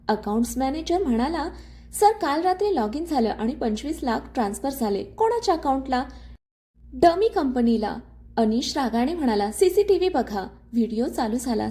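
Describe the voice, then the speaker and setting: A woman narrates a dramatic story in a high, mellow voice. She carries the dialogue of every character in her own everyday voice, with scripted, steady storytelling. Her tone stays soft and warm throughout.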